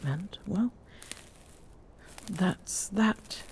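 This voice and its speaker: In an intimate ASMR roleplay, a woman voices a tender, wistful yet guarded Amazonian queen, speaking softly and pensively, often in a breathy near-whisper. Her mid-range voice draws out words with a slight hiss or hum, and the mood is subdued and gentle.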